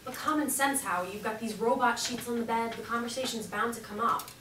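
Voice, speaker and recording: An actress on stage playing a blunt, wry young pregnant woman who is quick to tease. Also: fairly high pitch, natural voice. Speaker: stage actor. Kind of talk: stage play performance. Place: theater stage. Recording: echoey room, far-off mic, noisy.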